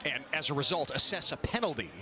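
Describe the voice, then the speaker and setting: A man's voice: a little high, animated, fast talker, crowd noise. A man calling live football play-by-play in a conversational, explanatory way. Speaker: play-by-play sports commentator. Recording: clear stadium background noise. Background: outdoor stadium ambience.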